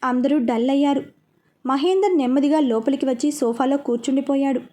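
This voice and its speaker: A woman reads a serialized love story aloud in a steady, even narration. Her voice sits high but sounds mellow and soft. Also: fairly quick.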